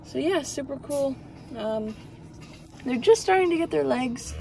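A young woman vlogging outdoors about snakes and toads, talking to a phone at arm's length with excited, amazed, chatty energy. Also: high-pitched, unhurried, gravelly, a little hiss or hum, low-quality recording. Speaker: herping vlogger. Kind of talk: casual outdoor nature vlog. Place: outdoors in open desert.

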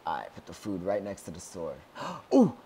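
A young man giving casual commentary on his own gameplay at home, excitable and yelling whenever things go wrong. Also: low-pitched, fast, creaky, slight background noise. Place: at home, outside his room.

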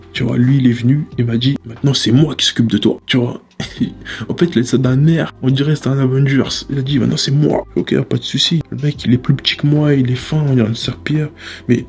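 Young man, gravelly mid-pitched voice, laid-back slangy storytime monologue. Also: a little fast. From Paris area. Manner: relaxed, slangy, rambling with frequent "tu vois".

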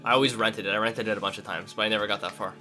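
Man, let's play co-host, bright and easy voice, jokey rambling chat, quiet game music behind. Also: lowish voice, steady tone, very fast. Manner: jokey, chatty, rambling with many "like"s. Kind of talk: casual gameplay chat.

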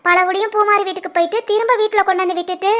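A woman voicing a shrill, teasing cartoon wife. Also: level tone, very fast, a bit bright. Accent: Kanyakumari-Tirunelveli Tamil. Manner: teasing, needling. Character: teasing young wife, sharp-tongued.

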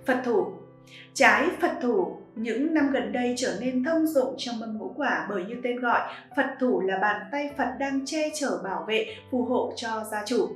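A woman giving scripted narration in an even, listing tone. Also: a little high, a little slow. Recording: roomy echo with faint music.

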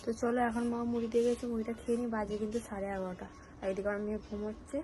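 A young woman with a cold and a sore throat, chatting softly to her viewers at home as a family vlogger. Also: fairly high pitch, steady tone, racing. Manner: soft-spoken, talking quietly while her baby sleeps. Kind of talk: casual chat to viewers. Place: at home indoors. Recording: noisy home recording.

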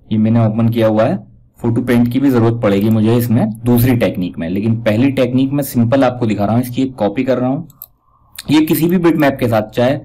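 A man giving a casual step-by-step software tutorial, pointing out each step as he goes. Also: medium pitch, rough recording. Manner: talks step by step, repeats "dekhiye" while pointing things out. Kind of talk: casual screen-recorded tutorial.

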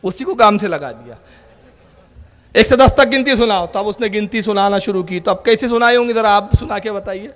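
A man preaching a sermon to a gathering, telling a story and acting out its dialogue, sometimes rising to shouts. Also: high voice, few pauses. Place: public religious gathering. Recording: long reverb of a large hall.

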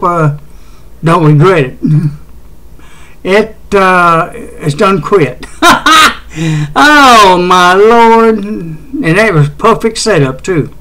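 Rambling West Tennessee man, fairly high voice. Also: a bit bright, rough recording. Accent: West Tennessee Southern. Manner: rambling, halting, many uh fillers and restarts, chuckles often. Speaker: amateur weather show host. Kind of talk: casual home weather broadcast.

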